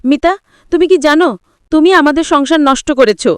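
A woman's voice: sits high, moderate pace, dry recording, close to an everyday voice. A woman reading as an accusing, tearful elder sister. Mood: angry. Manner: accusing, shouting through tears. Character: distraught young woman, angry elder sister.

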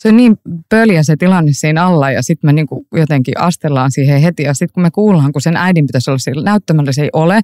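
A woman actor as a podcast guest, telling lively anecdotes with frequent laughter and many fillers, recorded in a library room. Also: sits low, hardly any pauses, dry recording, studio quality. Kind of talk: casual interview storytelling.

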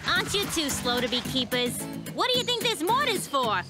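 Brusque old cartoon witch, high voice swooping around, bossy and theatrical, loud music under it. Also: big pitch swings, brisk. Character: bossy, brusque centuries-old witch woman, chatty storyteller. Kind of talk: animated cartoon voice acting.

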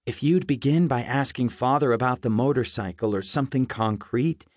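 A man's voice: medium pitch, moderate pace, darkish tone, no room sound, clean studio sound, close to an everyday voice. A male audiobook narrator voicing a stiff, prudish young man who disapproves of crude talk. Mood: impatient.

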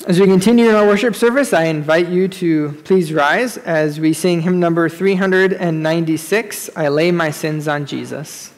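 A man preaching as pastor at a pulpit microphone in a church service, measured and repeating key phrases, with a halting, filler-laden prayer. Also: fairly high pitch, long reverb tail. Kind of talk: sermon and prayer in a worship service. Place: church sanctuary during a service.

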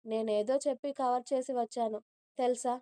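A woman's voice: a little high, steady tone, normal speed, mellow, smooth, lightly acted. A woman doing a playful, nervous young woman. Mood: chatty. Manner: chatty, pleading, stammering when caught.

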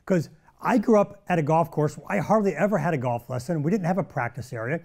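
An energetic middle-aged man teaches golf straight to the camera, his voice pitched high yet mellow in tone. He talks in punchy bursts and throws in sound-effect words as he demonstrates. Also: fairly quick. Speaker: golf instructor and show host.

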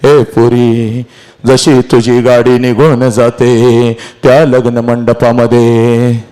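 A man's voice: medium pitch, level tone, takes it slowly, warm tone, clean tone. A middle-aged man giving an emotional motivational lecture to a large audience, dramatic and repeating his phrases as he speaks straight to his listeners.

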